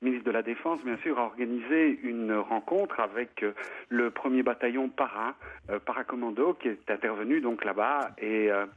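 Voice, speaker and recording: A man's voice: mid-range voice, moderate pace. A man from Belgium calling in to a radio show and telling a long joke with many fillers. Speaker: caller. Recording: tinny phone line.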